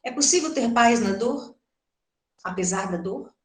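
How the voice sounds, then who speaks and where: A woman's voice: on the high side, expressive, a little slow. A middle-aged woman with a Brazilian Portuguese accent gives a doctrinal lecture at a spiritist center. She talks in a conversational way and keeps asking her listeners rhetorical questions. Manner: conversational, asks the audience many rhetorical questions. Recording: roomy hall echo.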